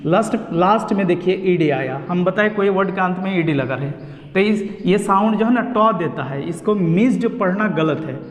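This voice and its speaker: A man teaching an English pronunciation lesson, spelling letters out and repeating each word slowly. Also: high voice. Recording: echoey room with long reverb.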